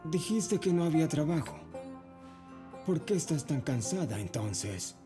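Un actor de doblaje que interpreta a un esposo humilde que pregunta preocupado por su mujer. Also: male voice, on the high side, big pitch swings, unhurried, over music. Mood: concerned. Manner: concerned, questioning. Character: humble husband worried about his wife. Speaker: husband. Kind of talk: dubbed drama.

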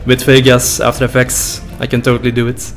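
This YouTuber, a young man with a Dutch-speaking Belgian accent, reacts to his old videos from a small room, loose, laughing, joking and profane. His medium-pitched delivery is completely flat and a little fast. Soft background music plays, and he uses a desk boom mic with headphones.

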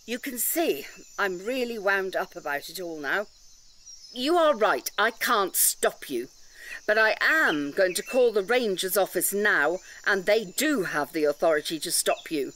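Wound up and expressive, a woman with a medium-pitched, fairly bright voice speaks a little slowly in an audio drama role as an indignant nature-reserve campaigner. Her emphatic lecture is packed with pedantic detail and rhetorical questions, with slight background noise audible.

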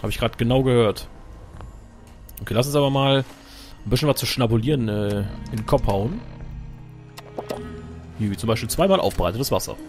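A man's voice: medium pitch, fairly quick, pauses often, soft background music. A man giving casual, joking let's play commentary while he plays, talking to himself and his companion.

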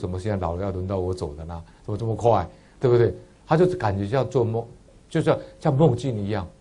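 A man with a Taiwanese Mandarin accent gives a storytelling Buddhist talk in a husky voice. His pitch swings widely, from loud, high exclamations down to soft, low asides. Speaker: Buddhist lay lecturer.

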